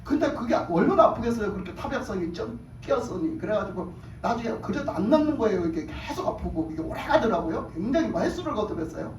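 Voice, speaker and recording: A pastor preaching a sermon, telling a personal story in a lively, colloquial way that flares into excitement. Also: male voice, high-pitched, fast talker. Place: church sanctuary. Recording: roomy church hall, far from the mic, faint background noise.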